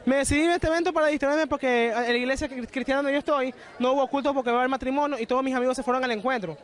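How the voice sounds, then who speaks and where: High-voiced young man rambling at a fan event. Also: steady tone, rapid-fire. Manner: rambling, hesitant, repeats fillers. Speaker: cosplayer interviewed at an event. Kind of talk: casual street interview. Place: outdoor fan event with a crowd. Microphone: handheld interviewer mic.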